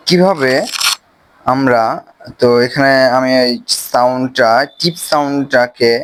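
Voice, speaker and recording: A man with a Bangladeshi Bengali accent, casually explaining a phone video-editing app step by step, with pauses as he clicks. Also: mid-range voice, fairly bright tone, clean tone. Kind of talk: screen-recorded software tutorial.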